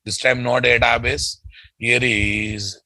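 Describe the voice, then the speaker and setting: Male tech trainer, Telugu Indian accent. Deliberate, repetitive delivery, slightly husky, close dry sound. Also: mid-range voice, flat delivery, sharp tone, no room sound. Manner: repetitive, often addressing students as "guys". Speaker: software trainer. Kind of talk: live technical lecture, drawing and explaining step by step.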